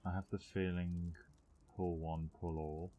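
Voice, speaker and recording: A man's voice: sits low, level tone, measured pace, warm tone. A man streaming a game and chatting casually with a friend in a dry, mumbling way. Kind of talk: casual gameplay chat.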